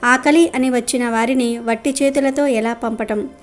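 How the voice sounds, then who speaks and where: A woman's voice: on the high side, steady tone, normal speed, faint music behind, lightly acted. A woman voicing a poor, devout male householder who talks in an earnest, pleading way, in a storybook telling. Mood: distressed.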